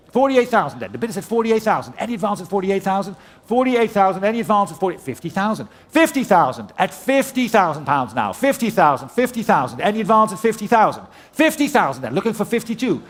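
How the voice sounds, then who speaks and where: Male auctioneer, notably high voice, courteous and formal, running a live sale in repetitive rhythmic patter. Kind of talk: live auction calling, rhythmic repeated bids.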